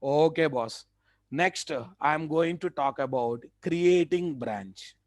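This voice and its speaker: In a live software tutorial, a male trainer with a Telugu Indian accent repeats phrases for emphasis and checks that his class is keeping up. His pitch is fairly high, he goes slowly, and there's no room sound.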